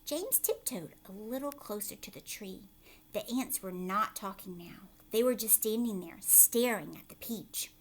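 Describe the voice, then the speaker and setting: A female teacher reads a storybook aloud to children, expressively and without hurry, at a medium pitch. Along the way she adds explanatory asides and asks the listeners questions.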